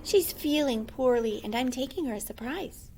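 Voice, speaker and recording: A woman voicing a sweet, polite little girl in a high, squeaky, breathless way. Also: moderate pace, darkish tone, a little hiss or hum. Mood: chatty.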